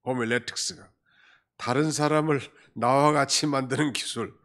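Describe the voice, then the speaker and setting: A male pastor delivering a Sunday afternoon sermon in a conversational tone, with emphatic rises and quiet asides. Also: mid-range voice, fairly even intonation, normal speed.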